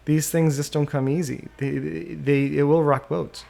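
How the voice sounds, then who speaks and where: A man hosting a solo podcast, thinking out loud and often trailing off and restarting mid-sentence, into a desktop microphone. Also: on the high side, vocal fry. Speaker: podcast host. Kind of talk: rambling solo podcast monologue. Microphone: USB desktop microphone.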